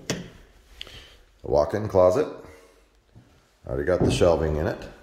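Man, low voice, unhurried, realtor walkthrough, echoey empty rooms. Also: a little hiss or hum. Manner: relaxed, plainspoken, with frequent pauses and fillers. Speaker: real estate agent. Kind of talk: casual walkthrough tour narration. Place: empty house, indoors. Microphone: handheld phone camera.

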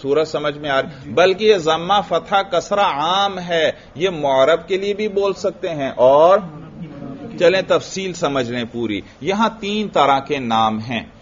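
A man's voice: fairly high pitch, animated, slow pace. A male religious teacher giving a classroom lecture on grammar, drilling students by asking questions and answering them himself. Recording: muffled lo-fi recording with faint hiss.

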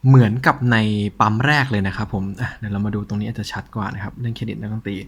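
A man hosting a collector's show in a casual, informal show-and-tell style, with a slightly husky voice. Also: lowish voice, fairly even intonation, racing. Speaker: host of a cassette collection show.

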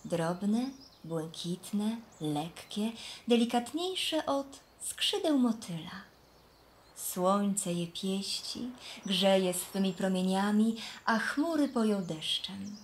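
A woman reading a fairy tale aloud to children in a soft, expressive way. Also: medium pitch, drawn-out words, a little hiss or hum. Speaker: storyteller for children.

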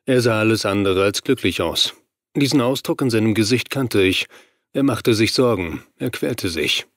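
A man narrating a horror audiobook in the first person, in a steady, measured reading voice on a studio microphone. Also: fairly low pitch, dry recording.

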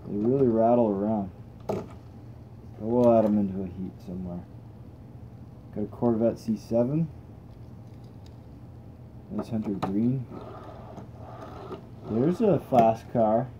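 Speaking slowly with long pauses in a fairly low voice, a young man hosts a toy car channel from an indoor table. He chats casually and muses aloud as he tries out the cars in a relaxed, meandering way; the recording is dull and slightly hissy or humming.

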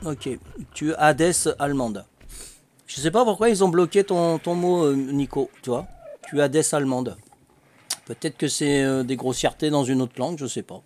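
A man's voice: a little high, normal speed, darkish tone, a little hiss or hum. Jovial older man chatting on a game stream. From Corsica. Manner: jovial, laughs often, chatty filler "hein". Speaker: livestreaming gamer. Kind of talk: casual livestream chat with viewers.

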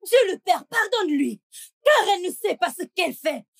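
A woman dubbing the role of a pious, excitable young housemaid who prays loudly and dramatically. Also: on the high side, slightly rough, no room sound, studio quality, heavily acted. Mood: pleading. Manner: loud pleading prayer, drawn-out chanting. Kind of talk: dubbed film acting.

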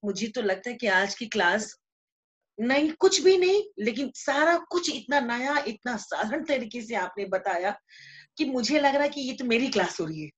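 A woman's voice: a little high, expressive, normal speed. A woman with an Indian Hindi accent hosting an online theatre workshop, speaking in an effusive, eager and appreciative way. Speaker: workshop host. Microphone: video call. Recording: muffled video-call audio.

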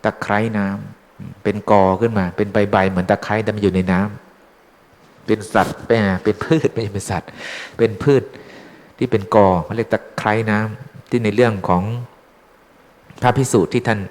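Low-voiced monk chatting thru a dharma talk, teasing the crowd w questions, echoey temple hall. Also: male voice, little pitch movement, normal speed, darkish tone. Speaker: Buddhist monk teaching dharma. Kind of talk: informal dharma talk to lay followers. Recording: long hall reverb.

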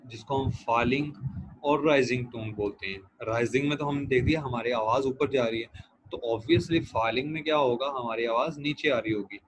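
Man teaching, repeating sounds slowly. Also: mid-range voice, husky, low-quality recording. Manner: explanatory, repeats each sound slowly for students to copy. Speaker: language teacher. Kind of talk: recorded lecture.

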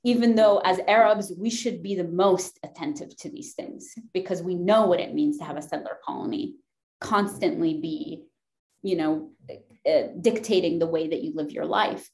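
A Lebanese woman in her thirties, appearing as a podcast guest over a video call webcam from a room at home, discusses things passionately and emphatically, often swearing and laughing. Her voice is on the low side with a darkish tone.

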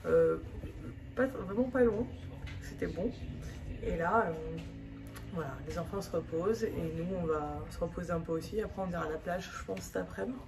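Wind, car noise, and music run beneath this muffled, noisy phone recording of a woman vlogging her travels on beaches and in a moving car. She speaks casually at a moderate pace, her fairly low voice gravelly, with the phone at arm's length.

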